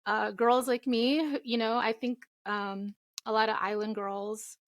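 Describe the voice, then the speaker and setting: Raised in Florida but from the Philippines, this young woman is an indie singer-songwriter appearing as a guest, answering interview questions earnestly and saying "um" a lot. Her voice is fairly high with a steady tone and a slightly slow delivery. The studio-quality recording has no room sound.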